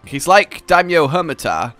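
An excitable man teasing his way through casual gameplay banter. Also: on the high side, normal speed. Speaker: gaming video host. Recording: music behind the voice. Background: game music.

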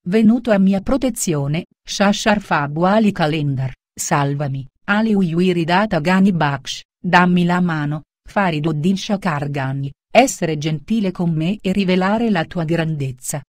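A woman's voice: on the low side, measured pace, few pauses, no room sound, studio quality. A woman reading as a proud, angry male merchant. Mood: pleading prayer. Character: proud angry male merchant who loses his coins.

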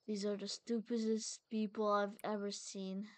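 A woman's voice: medium pitch, level tone, unhurried, dry recording. A woman giving casual commentary while she plays a game. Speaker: gamer recording gameplay commentary.

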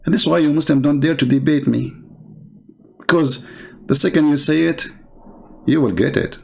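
A man's voice: fairly high pitch, fairly even intonation, normal speed, creaky, darkish tone. A man hosting a channel and giving polemical commentary in non-native English, mocking and sarcastic, trading insults. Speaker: channel host and religious debater.

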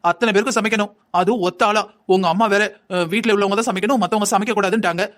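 An envious young wife in a cartoon drama, as a man puts her on, nagging and whining without a pause. The voice sits high and the words tumble out fast. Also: steady tone, fairly bright tone. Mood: complaining. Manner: nagging, whining, quick and insistent. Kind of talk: Tamil cartoon voice acting.

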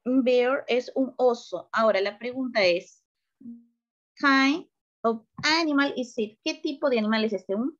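A woman teacher running an online beginner English class, slow and patient, switching between English and Spanish. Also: on the high side, muffled recording.

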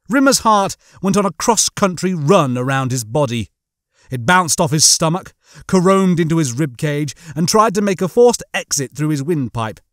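Narrating a comic sci-fi novel, a man builds theatrical suspense with a fairly high, fairly bright voice that swings widely in pitch. The recording is close and dry, with no echo.

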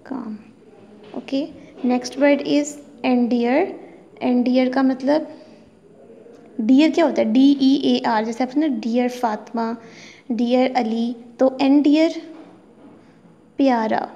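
Slow, high-voiced woman teaching vocabulary. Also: steady tone, dark tone, long reverb tail, muffled recording. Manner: slow, deliberate word-by-word explanation. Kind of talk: vocabulary lesson.

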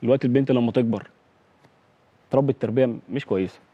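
A man's voice: medium pitch, racing, husky, dry recording, dull audio. A man calling in with an Egyptian Arabic accent, agitated and insistent, swearing oaths as he argues his side. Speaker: caller.

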